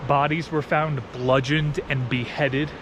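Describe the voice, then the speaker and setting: Speaking in an even tone at an unhurried pace, a man with a mid-range voice vlogs from a campsite outdoors, with noise in the background. He's an American travel vlogger from New Jersey whose storytelling chat is relaxed, slangy, and playful.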